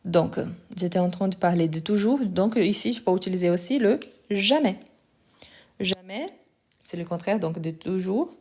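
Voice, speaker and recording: A woman's voice: mid-range voice, moderate pace, a little mellow. Woman teaching a live French lesson. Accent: non-native accent in French. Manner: explains patiently, checks in with "ok?"; tends to speed up while talking. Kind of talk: live online language lesson.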